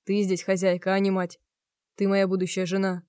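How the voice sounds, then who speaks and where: A woman reading the part of a domineering, hot-tempered young man, shouting and commanding in an audiobook. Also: mid-range voice, completely flat delivery, normal speed, no room sound, clean studio sound, natural voice. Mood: firm insistent.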